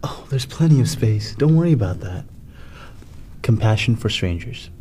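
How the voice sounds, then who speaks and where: An actor playing a kind, calm man who speaks gently and reassuringly. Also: on the low side, moderate pace, slight background noise, natural voice. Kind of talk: scripted skit acting.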